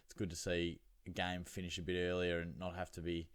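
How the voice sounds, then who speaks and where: Casting: Australian male host, fairly low voice, dry close sound, slangy laddish solo chat. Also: monotone, fairly quick, smooth, no echo. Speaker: fantasy football show host. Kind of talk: casual solo chat with anecdotes.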